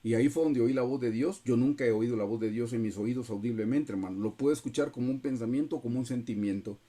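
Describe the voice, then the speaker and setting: A Guatemalan pastor leads a Bible study over a video call, speaking fast in a husky, mellow, mid-range male voice with a Guatemalan Spanish accent. His sermon includes personal testimony, and he earnestly keeps calling his listeners brothers.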